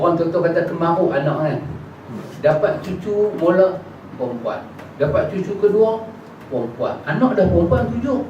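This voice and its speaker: A man giving a religious lesson in a prayer hall and answering questions, acting out little dialogues in a casual, lively way. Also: high-pitched. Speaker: religious teacher. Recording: echoey hall, distant mic, dull, noisy.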